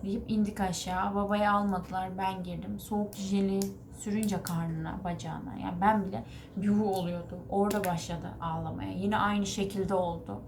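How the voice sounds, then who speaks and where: A woman's voice: medium pitch, steady tone, normal speed, gravelly, noisy background. Woman vlogger, rambly and earnest, keeps fixing her own words, medium voice. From Turkey. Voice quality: rambling, self-correcting recounting. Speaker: vlogger, mother of an infant. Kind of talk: casual storytelling to the camera.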